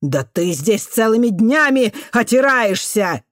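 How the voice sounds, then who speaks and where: A spiteful old caretaker woman snarls and shrieks abuse in a raised, loud voice, as a female reader puts her on. Her tirades swing high and low with venom. The recording is dry and close, like a storybook audiobook. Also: big pitch swings, measured pace, dry recording. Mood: furious. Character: vicious foul-mouthed old female caretaker.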